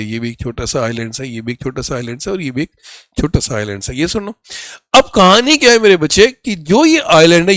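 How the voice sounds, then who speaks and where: A man with a hoarse voice, teaching an exam-prep vocabulary lesson in Hindi, speaking terms. He keeps calling the students his children and answers his own questions. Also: fairly high pitch, dry recording. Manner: calls students "my child", asks questions and answers them himself. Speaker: English teacher for competitive exams.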